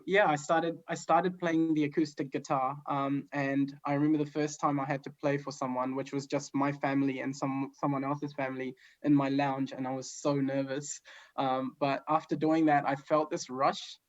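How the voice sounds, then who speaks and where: A male guest musician from New Zealand chatting casually, relaxed and rambling with many fillers. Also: fairly high pitch. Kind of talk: casual chat. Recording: dull lo-fi sound.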